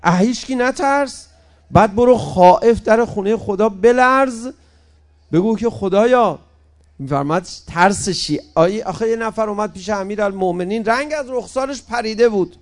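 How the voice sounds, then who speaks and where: A man preaching an emotional religious sermon with a high, gravelly voice. He moves between loud calls to his listeners and hushed, pleading passages. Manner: dramatic, shifts between loud exhortation and soft pleading.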